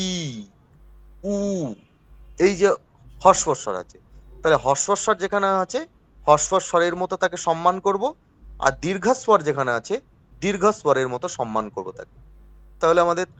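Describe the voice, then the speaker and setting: A man teaching a class on priestly rites, explaining slowly, repeating key syllables and asking the class questions. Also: fairly high pitch, fairly bright tone. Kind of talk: classroom lecture.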